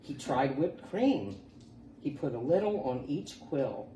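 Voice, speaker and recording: A woman reading a children's picture book aloud as a storytime reader, expressive and deliberate. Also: rumbling low. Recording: roomy, distant mic, faint background noise.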